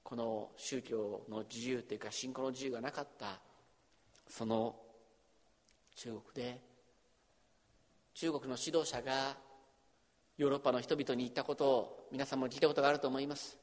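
A man preaching a sermon as pastor, swinging between loud emphasis and hushed near-whisper in a church hall. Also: mid-range voice, fairly even intonation, normal speed, pauses often.

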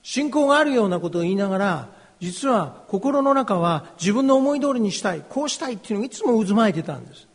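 Middle-aged male pastor, high husky voice, slow earnest testimony sermon. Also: animated. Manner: slow, earnest, confessional delivery. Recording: long hall reverb.

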